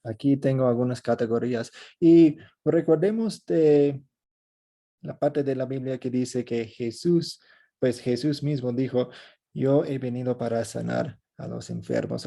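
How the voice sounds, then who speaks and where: Pastor teaching an online class, gravelly husky voice, affirming tone. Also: male voice, mid-range voice, lively intonation, unhurried, dark tone. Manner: thanks each student, frequent affirming "ujú". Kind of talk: leading a class discussion.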